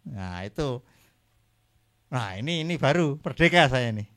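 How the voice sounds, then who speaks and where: An older man, an author guest at a book talk, chatting in a relaxed way, laughing often and trailing off his sentences. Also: mid-range voice, moderate pace.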